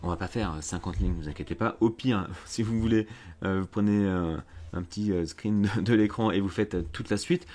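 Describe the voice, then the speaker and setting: Patient low-voiced male teacher. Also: normal speed, a little mellow. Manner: patient, stepwise, many fillers and restarts. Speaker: French teacher. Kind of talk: online lesson walkthrough.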